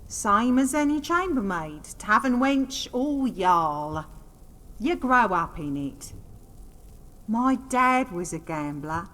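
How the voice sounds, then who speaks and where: Woman acting a female fantasy-game bookmaker, shrewd, plainspoken, slow, reverberant hall. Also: mid-range voice, animated, sharp tone. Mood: wry, worldly. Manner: folksy, plainspoken. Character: brisk shrewd female fight-pit bookmaker, daughter of a gambler. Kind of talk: fantasy video game character dialogue. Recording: hall reverb, faint noise.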